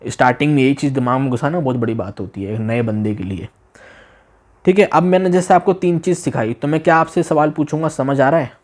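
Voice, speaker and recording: A man's voice: mid-range voice, darkish tone. Male language teacher, repetitive questioning. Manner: repeats phrases slowly and asks the listener questions; exaggerates tone to demonstrate meaning. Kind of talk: demo class lesson taught in Hindi.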